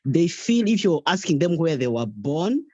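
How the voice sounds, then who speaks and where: A guest shares views in a casual discussion, thinking aloud and restarting sentences. The voice sits at a middle pitch. The audio is dry, close and lo-fi. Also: very animated, moderate pace, a little mellow, dry recording. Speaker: guest caller.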